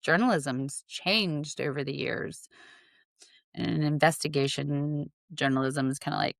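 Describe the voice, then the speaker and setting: A woman's voice: low voice, unhurried, creaky, no echo, clean studio sound. A woman co-hosting a podcast in casual chat, rambling and hesitant with many fillers and restarts. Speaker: podcast co-host.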